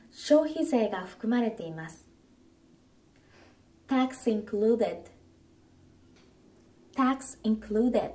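A woman giving scripted instructional narration, repeating each phrase slowly and carefully for learners. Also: a little high, dark tone, far from the mic.

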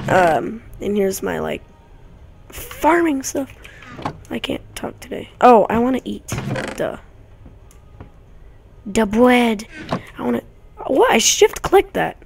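A woman's voice: medium pitch, creaky. A woman rambling through casual gameplay commentary with chatty asides to her viewers, recorded on a desk mic at home. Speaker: gaming YouTuber. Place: home room with dogs nearby. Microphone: desk mic near a clicky keyboard.

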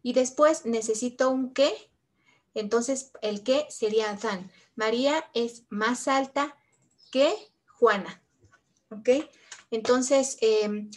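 A woman's voice: on the high side, slow pace. A woman teaching English grammar, patiently repeating each example in two languages. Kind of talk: bilingual grammar lesson.

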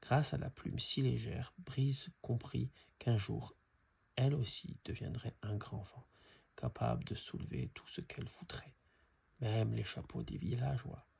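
Gravelly man reading a children's story. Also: medium pitch, fairly even intonation, measured pace. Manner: hushed, half-whispered narration. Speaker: storybook reader.

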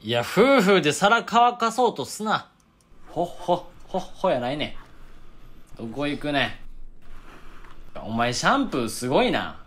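A young man in his twenties with a Kansai accent, delivering comic voice-over commentary as the straight man. He fires off sharp, exasperated retorts. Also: on the high side, sing-song, moderate pace, long pauses, a little hiss or hum. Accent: Kansai Japanese. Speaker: comedian.

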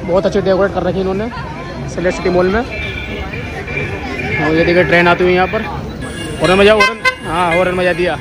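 Brisk yet broken by long pauses, a high-pitched, steady male voice guides viewers around a shopping mall by phone camera. He begins on the outdoor plaza and heads inside, pointing things out and saying "dekhiye" over and over against loud music and crowd noise.

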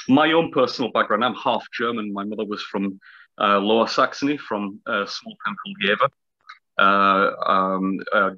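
Speaking over a video call from a small room at home, a roughly fifty-year-old man with a heavy Northumberland accent and long vowels explains things in a halting, word-searching way. He's a historical fencing teacher from north-east England, interviewed as a guest, and his fairly low voice comes across pushed and bright. The webcam-distance audio is slightly dull.

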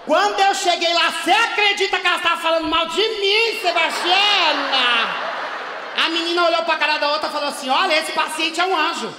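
A male comedian voicing a brash, indignant woman who is caring for her father in hospital. She talks in a loud, gossipy, dramatic way with shouting bursts in a stand-up monologue. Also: very high voice, fairly quick, background noise. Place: theater stage at a live show. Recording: echoey hall, from far off.

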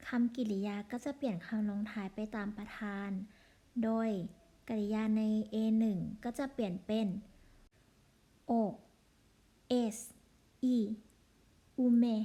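A woman teaching a language lesson, drilling word forms one by one in a slow, deliberate way. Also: medium pitch, warm tone.

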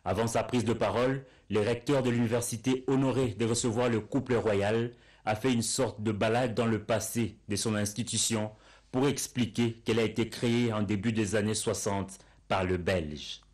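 A man reading a scripted news report in a steady, formal way. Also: lowish voice, moderate pace.

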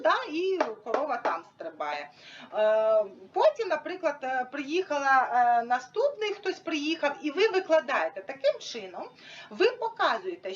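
Lively high-voiced woman explaining a method. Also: highs cut off, slight background noise. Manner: hesitant, many fillers, demonstrates with props. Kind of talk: informal instructional talk.

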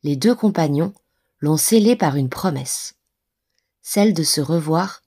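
A woman storyteller narrating bedtime stories for children in a gentle, soothing way. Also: sits low, lively intonation, measured pace, breathy edge.

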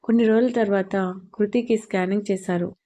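A woman storyteller narrating an audio love story in a steady, even reading voice. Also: medium pitch, brisk.

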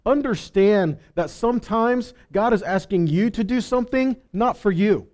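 Speaking at a normal pace in a high voice with a darkish tone, this pastor in his thirties delivers a sermon from a small indoor stage. He wears a headset mic, gestures while he talks, and reads passages of scripture.

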